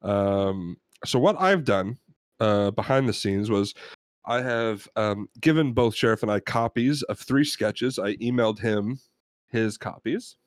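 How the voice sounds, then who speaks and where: A man's voice: on the low side, measured pace, no echo, studio quality. A man with an American accent hosting a casual podcast over voice chat, rambling with many fillers. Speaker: podcast host. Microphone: home mic on voice chat.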